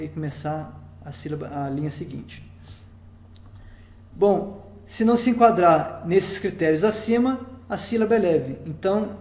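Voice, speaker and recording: A Brazilian man with a high voice teaches a lesson patiently, one step at a time, pausing to check that his listeners follow. The recording is roomy, with a clear echo around his voice. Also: dark tone. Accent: Brazilian Portuguese. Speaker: Sanskrit teacher.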